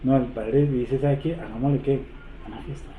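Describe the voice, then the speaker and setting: A man leading a Bible study, quizzing the seated group and repeating verses slowly. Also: mid-range voice, fairly even intonation, a little hiss or hum. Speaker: Bible teacher. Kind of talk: interactive Bible study teaching. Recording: echoey room over a tinny phone-like line.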